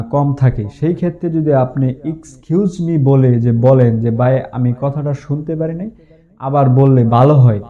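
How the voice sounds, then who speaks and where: A man explaining English vocabulary in a video lesson, halting often with filler sounds. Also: mid-range voice. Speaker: English teacher. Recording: tinny phone-like audio.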